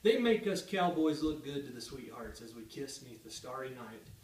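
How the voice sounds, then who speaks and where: A man's voice: medium pitch, moderate pace. A man in his thirties with a Western American accent and a folksy cowboy twang, reciting rhyming cowboy poetry in a dramatic storytelling way. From Utah, United States. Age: 30s. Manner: animated, dramatic delivery. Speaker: cowboy poet. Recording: echoey room, distant microphone.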